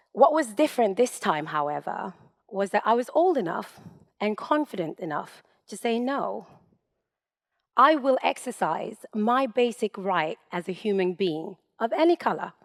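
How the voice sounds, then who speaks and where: A woman in her thirties from Sweden giving a prepared public talk from a stage, measured and emphatic with deliberate pauses. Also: mid-range voice. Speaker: public speaker. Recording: long reverb in a lecture hall.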